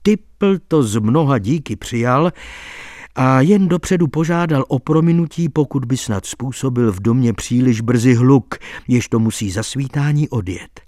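A man reading an audiobook voices a lively male court clerk who relishes telling a scandalous tale. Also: medium pitch, no echo, studio quality, lightly acted.

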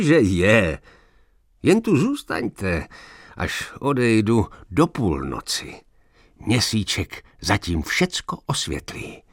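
A man voicing an old quarry worker who talks in a hushed, confiding way about ghostly visions, in a storybook reading. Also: on the low side, breathy edge, no room sound, studio quality, heavily acted. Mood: eerie, insistent. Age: older. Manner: hushed, confiding, rising to urgent.

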